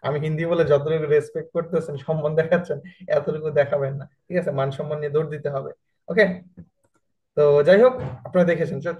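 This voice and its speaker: A man's voice: fairly high pitch, dark tone, dull audio. A man with a Bangladeshi Bengali accent teaching a video editing class, chatty, often checking that students follow and mixing in English words. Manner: chatty, asks students frequent check questions; mixes English words into his talk. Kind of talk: screen-share tutorial class.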